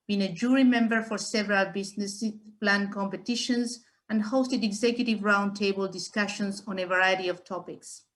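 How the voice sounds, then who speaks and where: Woman host reading a formal introduction. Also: medium pitch. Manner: formal, reads carefully. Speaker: event host.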